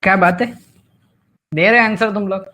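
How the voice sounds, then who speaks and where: A man's voice: high voice, fairly even intonation, normal speed, sharp tone. A man teaching an online class, quizzing students and teasing them with Marathi asides. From Maharashtra. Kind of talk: live online class lecture.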